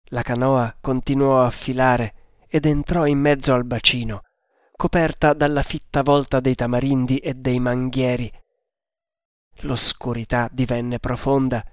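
A man narrating an adventure story in an audiobook with slow, deliberate storytelling. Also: medium pitch, no echo, studio quality.

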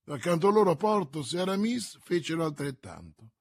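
A man narrating a classic novel aloud in a steady, measured storytelling manner. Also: a little high, husky, no room sound, studio quality. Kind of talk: audiobook reading of a classic novel.

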